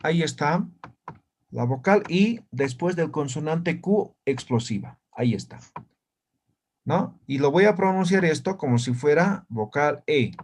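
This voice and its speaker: A man's voice: fairly high pitch, animated, unhurried. A man teaching an online language lesson, explaining step by step and often checking understanding with short tag questions.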